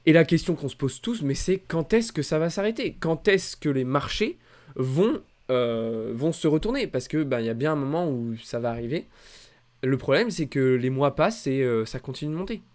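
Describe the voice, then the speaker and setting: A man's voice: on the high side, animated, normal speed, darkish tone. A man hosting a markets recap, speaking in a casual, conversational and hesitant way with repetitions. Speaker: host of a weekly markets recap. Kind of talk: casual financial market commentary.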